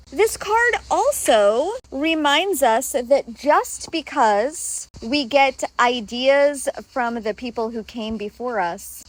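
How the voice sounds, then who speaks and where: A woman's voice: a little high, poor audio. A woman hosting a tarot lesson for children, patiently asking a child and a guest simple questions. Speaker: host. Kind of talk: kid-friendly tarot lesson.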